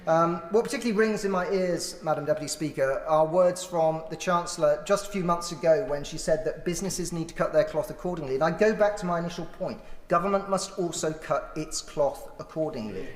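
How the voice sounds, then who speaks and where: Higher-pitched British man debating in echoing chamber. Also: fairly quick, few pauses. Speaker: opposition member of parliament. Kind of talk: formal parliamentary debate speech. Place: large indoor parliamentary chamber.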